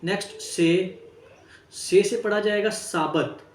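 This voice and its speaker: A man's voice: sits high, slow, slight background noise. A man teaching a Braille lesson, spelling out each word letter by letter and talking straight to his students. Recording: echoey room, distant mic.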